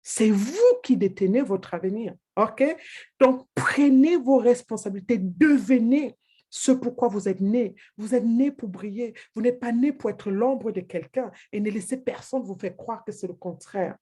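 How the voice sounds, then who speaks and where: A woman's voice: on the high side, animated, measured pace, warm tone, breathy edge. A woman giving a motivational training talk, emphatic and direct, repeating her key phrases to the listener. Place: living in England.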